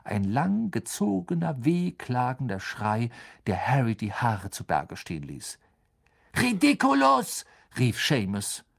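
Expressive male audiobook narrator. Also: mid-range voice, creaky. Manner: expressive, dramatic reading with many voice shifts. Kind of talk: scripted narration.

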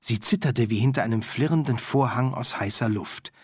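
A man narrating a fantasy audiobook with expressive storytelling. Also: mid-range voice, moderate pace, slightly rough, no echo, clean studio sound. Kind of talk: scripted narration.

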